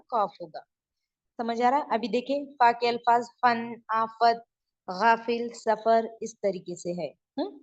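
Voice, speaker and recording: Drawing letters on a board as she explains, a patient woman teaches Urdu script writing online, repeating and checking her students' understanding. Her voice is a little high, and the recording has a dull lo-fi sound.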